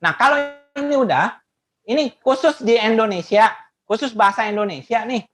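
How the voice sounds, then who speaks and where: A woman's voice: a little high, normal speed. Laughing woman teacher on a webinar. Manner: laughs often between phrases; acts out quoted remarks in changed voices. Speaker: math teacher presenting a webinar. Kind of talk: online teaching talk to parents and teachers.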